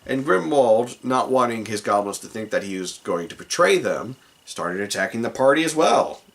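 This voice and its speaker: A man's voice: medium pitch, expressive, moderate pace. A man recounting a tabletop game session as the dungeon master, rambling with many asides. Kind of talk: casual tabletop game recap.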